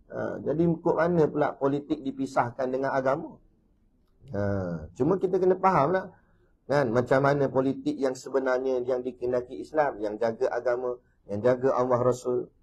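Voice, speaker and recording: A man with a Malaysian Malay accent giving a religious lecture, animated, breaking into loud emphatic bursts and often dropping in "ha". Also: mid-range voice, moderate pace, muffled recording. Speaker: religious teacher.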